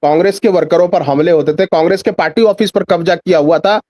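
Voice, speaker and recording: In a dry-sounding interview with no echo, a man with a high, warm voice delivers political commentary at a quick pace. He's emphatic, repeats phrases for weight, and leans on rhetorical questions.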